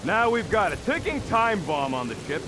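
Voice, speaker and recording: A man's voice: high-pitched, very animated, moderate pace, noisy background. An actor playing a cynical, small male talking raccoon who grumbles in sarcastic wisecracks, in video game dialogue. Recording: game audio under loud rain.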